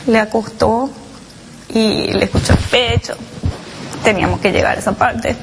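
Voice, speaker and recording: A mother gives halting, emotional testimony about what her child went through, often restarting her sentences and adding tag questions. Her voice is on the high side, and there's noise in the background.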